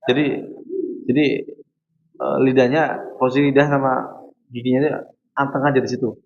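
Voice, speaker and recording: A man's voice: medium pitch, fairly even intonation, fairly quick, a little mellow. A man teaching Quran recitation in a mosque. He patiently corrects students and repeats the sounds to show them how. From Central Java, Indonesia. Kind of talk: tajweed class correcting students. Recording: muffled lo-fi recording.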